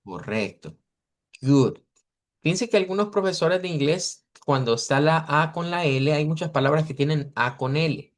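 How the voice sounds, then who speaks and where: A man teaching an English pronunciation class over a video call, patiently repeating model words slowly for his students. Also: fairly high pitch, expressive. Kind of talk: online class correcting students.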